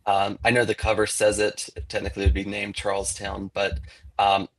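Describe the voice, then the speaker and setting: A man's voice: on the low side, completely flat delivery, brisk. A man, an author, talking casually in an interview about his book, rambling with many fillers.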